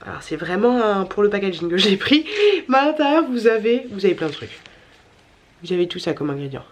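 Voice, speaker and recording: A woman's voice: mid-range voice, big pitch swings, brisk. Stuffy-nosed chatty woman vlogger. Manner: chatty, many fillers and repeated words. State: tired. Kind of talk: casual chatty haul vlog.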